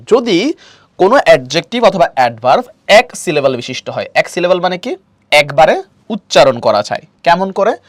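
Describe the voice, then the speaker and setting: A man's voice: on the high side, no room sound. A male teacher gives an admission-prep lecture, explaining step by step, asking and answering his own questions and leaning on repeated filler phrases. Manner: leans on stock fillers and repetition.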